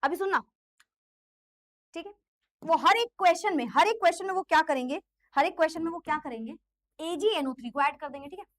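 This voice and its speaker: A woman's voice: very high voice, animated, brisk, long pauses. A woman teaching an online chemistry class in a playful, teasing way, quizzing her students as she goes.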